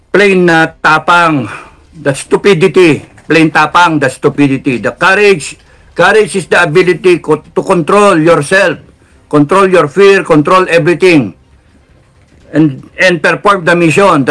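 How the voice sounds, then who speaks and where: A man with a Filipino accent giving a heated political rant, mixing Tagalog and English, swinging from loud outbursts to low, controlled intensity. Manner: heated, swings between shouting and lowered intensity. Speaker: political commentator.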